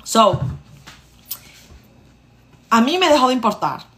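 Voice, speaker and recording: Woman in her 30s, casual storytelling vlogger, animated, speaks straight to her audience. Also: a little high, takes it slowly. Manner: animated, addresses listeners directly, acts out dialogue.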